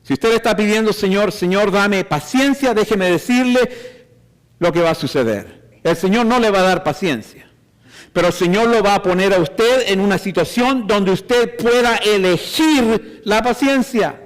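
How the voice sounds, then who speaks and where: Pastor, man, high voice, emphatic sermon delivery, church hall reverb. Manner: slow, emphatic preaching with rhetorical questions.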